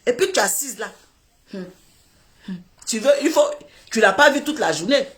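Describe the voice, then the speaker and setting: A woman's voice: fairly high pitch, animated, normal speed. A woman, telling a comic story and acting out little scenes while laughing through her words. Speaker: social media commentator.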